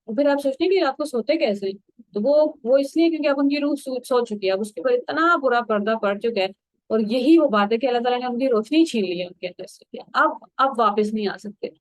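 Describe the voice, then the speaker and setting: A woman explains verses in a Quran commentary lesson, earnest and conversational, dropping English words into her talk. Her voice sits on the higher side. The recording is close and dry. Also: dry recording, poor audio. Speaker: Quran teacher.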